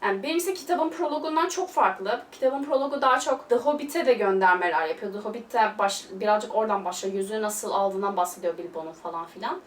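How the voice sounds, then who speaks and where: A woman's voice: mid-range voice, quick pace, few pauses. A young woman chatting through a casual film review, gushing and loose, full of fillers. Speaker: film vlogger. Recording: roomy, distant mic, faint hiss.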